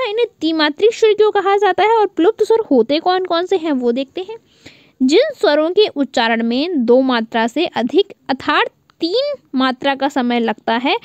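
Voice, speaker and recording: A woman's voice: sits high, lively intonation, moderate pace, no room sound, lo-fi sound. A woman teaching an online class, repeating key points as questions to her students and stretching out vowel sounds to show their length.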